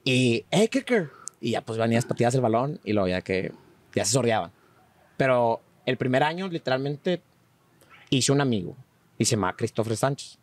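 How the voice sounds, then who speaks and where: Animated man telling stories. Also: moderate pace. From Monterrey, Mexico. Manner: animated, acts out quoted voices with rising pitch; frequent fillers like "¿verdad?". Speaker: guest. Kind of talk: casual conversational storytelling.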